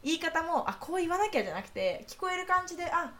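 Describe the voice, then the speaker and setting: A woman co-hosting a podcast in casual chat, chatty and quick to laugh. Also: extremely high pitch, big pitch swings, a bit bright. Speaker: podcast co-host.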